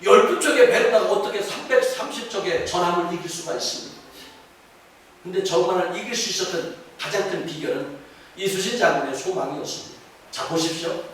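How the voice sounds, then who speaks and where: A middle-aged man preaching a sermon as pastor, telling stories and rising to fervent shouts. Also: high-pitched, lively intonation, a little fast. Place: church sanctuary. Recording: very echoey hall from far off, faint noise.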